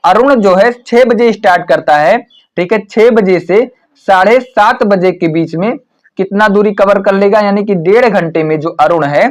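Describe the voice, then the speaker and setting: Man, high voice, math teacher, step-by-step exam prep lesson, frequent "okay" fillers. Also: normal speed.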